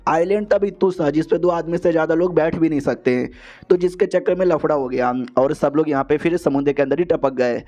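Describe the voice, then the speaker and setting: A man's voice: fairly high pitch, a little fast, dark tone. A man narrating a story recap in a casual, slangy, rambling way, leaning heavily on filler words, on a dull, lo-fi voiceover recording.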